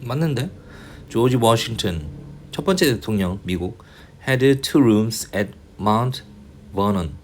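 A male English tutor going through a reading passage, reading the English slowly and explaining in quick asides, often muttering and grumbling to himself. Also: lowish voice, a little hiss or hum. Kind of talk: casual reading-passage lecture.

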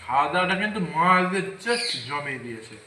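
Brief: man praising the meal with enthusiasm, very bright tone, distant in an echoey room. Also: on the high side, animated, fast. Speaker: family member praising the meal. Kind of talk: casual chat. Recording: distant from mic, echoey room, faint noise.

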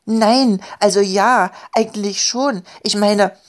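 A woman's voice: mid-range voice, steady tone, slow, pitched above the performer's own voice, natural voice. A woman voicing a flustered little girl who pleads and stammers. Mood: pleading.

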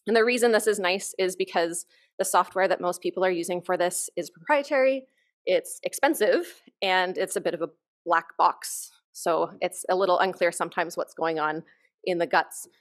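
A woman with a lowish voice and normal speaking speed presents her research as a conference keynote. She speaks from a lectern on the hall stage, informal and enthusiastic throughout.

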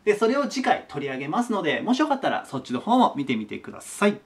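A man teaching a grammar lesson at a whiteboard, chatty and animated, talking to viewers as his students. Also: fairly high pitch, fast, creaky.

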